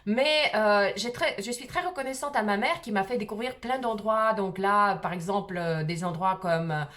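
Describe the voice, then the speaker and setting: A woman's voice: mid-range voice, normal speed, a bit bright. A middle-aged woman from Russia with a slight Russian accent, telling a personal story to camera in a hesitant way with many fillers. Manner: hesitant, frequent "euh" fillers. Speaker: vlogger.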